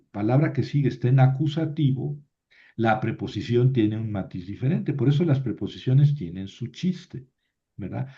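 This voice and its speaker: A man's voice: mid-range voice, highs cut off. A man teaching a Biblical Greek class online, explaining patiently step by step and often checking with "¿verdad?".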